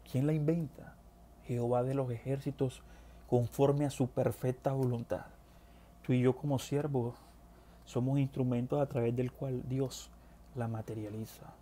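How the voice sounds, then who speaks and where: A man preaching a sermon, reading scripture passages aloud and then dropping to quieter asides to the congregation. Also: mid-range voice.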